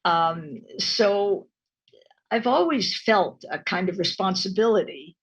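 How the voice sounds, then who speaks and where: A woman in her eighties, born in Romania and raised in Canada, speaking thoughtfully with many pauses as a guest on a video call from her home study. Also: mid-range voice, animated, fairly bright tone, breathy edge, poor audio. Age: 80s. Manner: slow, thoughtful, with frequent ums. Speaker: guest, retired professor and author. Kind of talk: interview over video call. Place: home study lined with bookshelves.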